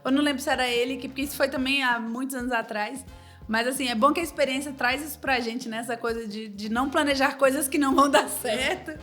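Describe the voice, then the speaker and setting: Lively high-voiced Brazilian woman. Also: fast talker, soft background music. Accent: Brazilian Portuguese. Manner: animated storytelling, acts out quoted dialogue. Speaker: wedding planner guest. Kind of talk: casual interview anecdotes.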